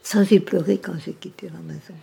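In a nursing home room, an elderly woman makes casual, loving conversation with a visitor, her fairly low voice carrying vocal fry and moving a little fast with fairly even intonation. She wanders from topic to topic, says "my little heart" again and again, and hums snatches of old songs under her breath.

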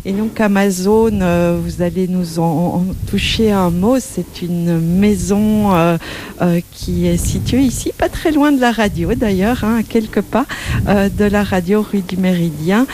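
A woman hosts a morning radio show in a studio, speaking slowly and amiably, with small laughs. Her voice is mellow, and a faint hiss sits under it. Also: medium pitch. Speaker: radio host. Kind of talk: radio interview.

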